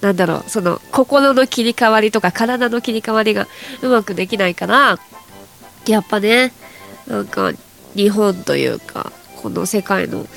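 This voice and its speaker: A woman's voice: mid-range voice, animated, normal speed, vocal fry, a bit bright, soft background music. A young woman hosting a chatty solo radio show, her voice nasal and stuffed up from hay fever, rambling casually to her listeners. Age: young adult. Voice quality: nasal, congested.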